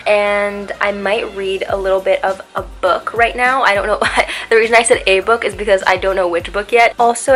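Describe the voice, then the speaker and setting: A young woman chatting into a handheld vlog camera, easygoing and giggly, talking straight to her viewers. Her pitch sits mid-range for a woman. Soft music plays faintly underneath. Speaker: vlogger. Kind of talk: casual vlog chat. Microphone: handheld vlogging camera.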